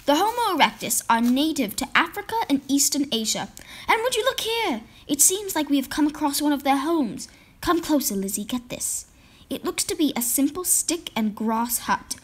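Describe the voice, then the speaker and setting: A woman's voice: high voice, big pitch swings, moderate pace. Sing-song woman narrating a mock documentary.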